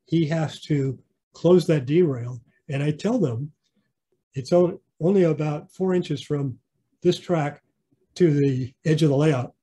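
A man's voice: a little high, slow pace, warm tone, slightly rough. A man giving a casual online slideshow clinic about his model railroad, rambling with fillers and restarts. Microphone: video call.

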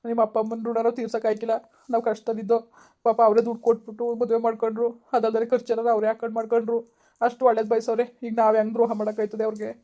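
A woman playing a flat-voiced young man breaking up. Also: fairly high pitch, natural voice. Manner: flat, reasoning, firm. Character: poor young man calmly dumping his girlfriend.

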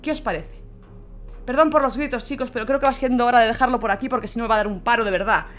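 A woman's voice: on the high side, very fast, faint music behind. A young woman with a Spanish accent from Spain playing a horror game on stream, frightened, swearing and shrieking as she comments. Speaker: gaming youtuber. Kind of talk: let's play commentary.

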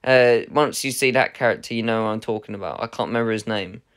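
Unboxing a film collector's edition on his channel, a man speaks quickly in a lowish, slightly bright voice. He rambles casually, hesitating a lot and correcting himself.

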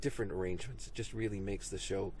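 Holding the camera at arm's length, a woodwind doubler in his fifties vlogs casually from his car and a rehearsal hall, chatting with lots of "uh" fillers. He talks fast in a low, steady, slightly mellow voice, and there's a little hiss or hum.

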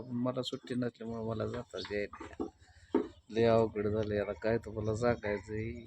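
A man's voice: mid-range voice, background noise. A man, chatting casually and teasingly in a village vlog, recorded outdoors at home in the early morning. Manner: chatty, teasing, rustic Marathi. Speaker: village vlogger.

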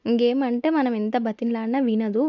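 A woman's voice: fairly high pitch, fairly even intonation, brisk, dry recording, dull audio. A young woman with a Telangana Telugu accent, narrating a family vlog in a chatty, storytelling way. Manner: chatty, storytelling with quoted asides. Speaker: family vlogger.

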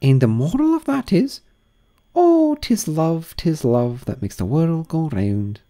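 A man putting on the Duchess, a shrill old gossip. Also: huge pitch swings, a little mellow. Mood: gushing, moralizing. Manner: high, sing-song and drawn-out. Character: ugly old noblewoman, chummy and moralizing.

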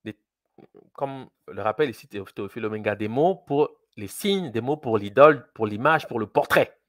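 A man's voice: medium pitch, animated, normal speed, dry recording, studio quality. A man giving a lecture in a teaching tone, emphatic, repeating key words and often restarting his sentences. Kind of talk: recorded lecture.

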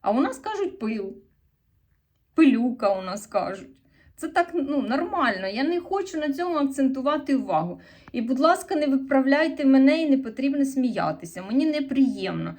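This vlogger's voice is high and mellow-ish, with big pitch swings at a normal speed. She is from eastern Ukraine, carries a Sumy accent, and talks loosely to the camera, wandering and fixing her own words. When replying to comments, she sounds sincere and somewhat defensive.

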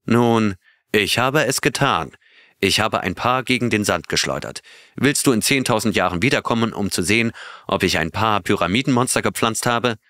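A man's voice: fairly low pitch, animated, moderate pace, pushed and bright, dry recording, clean studio sound. A man voicing a male astronaut who tells his crewmates about his adventure, talking earnestly and putting questions to them. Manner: earnest storytelling, asks listeners questions. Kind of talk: audiobook reading of a character's tale.

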